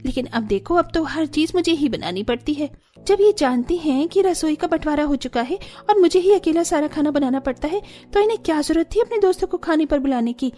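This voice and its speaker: A woman's voice: sits high, dark tone. A woman voicing a young daughter-in-law who complains about cooking alone in a cartoon story.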